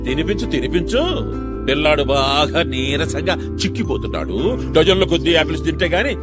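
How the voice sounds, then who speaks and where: A man's voice: expressive, fairly quick, lightly acted. An actor playing a blustering middle-aged family head with big theatrical swings in his voice, from a film soundtrack with music underneath. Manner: theatrical, exaggerated swings of pitch. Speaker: comic actor.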